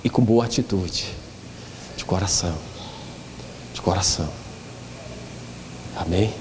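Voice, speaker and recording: A man preaching a sermon as pastor, shouting out at moments and acting out the words of the people he quotes. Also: deep voice, takes it slowly, in a large hall, noisy background.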